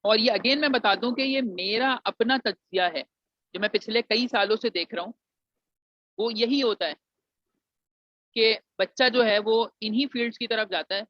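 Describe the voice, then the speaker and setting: A man's voice: high voice, moderate pace, no echo. A man from Pakistan, advising students on engineering admissions and mixing English phrases into his talk. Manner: mixes English phrases into Urdu, calls students "beta". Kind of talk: explanatory lesson to students. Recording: dull, dry lo-fi recording.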